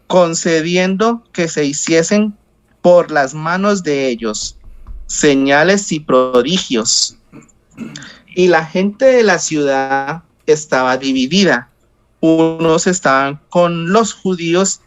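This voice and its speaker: A man reading scripture aloud in a Bible study over a video call, slow and halting, with slips he corrects. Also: fairly high pitch, poor audio.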